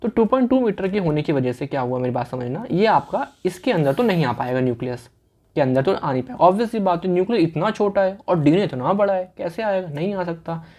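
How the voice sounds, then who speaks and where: A man giving an online medical lecture in a casual, fast way, asking questions and answering them himself and repeating key words. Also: high-pitched, lively intonation, darkish tone. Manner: casual, fast-talking teacher.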